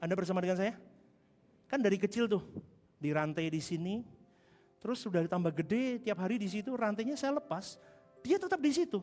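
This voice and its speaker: A male pastor preaching a sermon. He swings from hushed asides to shouting and calls the congregation to answer back. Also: sits high, expressive, a little fast, pauses often. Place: large church hall. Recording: long hall reverb with music behind.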